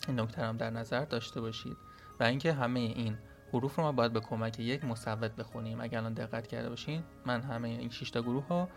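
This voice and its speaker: A man's voice: medium pitch, steady tone, gravelly, faint music behind. A man teaching a podcast language lesson, explaining step by step and saying sounds aloud as examples.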